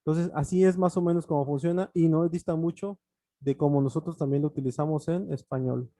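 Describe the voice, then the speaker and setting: Mellow-voiced teacher explaining patiently. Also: male voice, a little high, steady tone, fairly quick, no room sound. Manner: patient explaining, with fillers and restarts. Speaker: English teacher. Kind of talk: online lesson.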